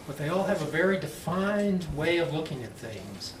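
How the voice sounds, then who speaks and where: An American male moderator with a standard accent introduces a public panel discussion indoors in a conference panel room. His voice is on the high side and sing-song, delivered slowly, deliberately and with clear enunciation. The recording is distant and echoey, with a noisy room.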